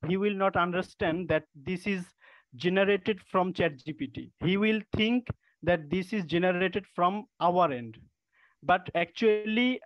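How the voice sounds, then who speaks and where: A male student on a conference call gives a hesitant, polite course review full of filler sounds. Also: sits high. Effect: conference call audio. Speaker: student in a coding bootcamp. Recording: dull lo-fi call line.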